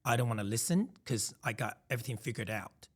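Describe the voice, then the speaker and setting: Fast-talking with lively intonation, this mid-range-voiced podcast co-host, a Taiwan-born man in his thirties, shares emphatic and reflective stories in a casual chat, frequently starting over mid-thought.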